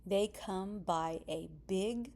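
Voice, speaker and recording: A woman narrating a simple storybook for easy readers in plain, deliberate phrasing. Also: mid-range voice, darkish tone. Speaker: audiobook narrator.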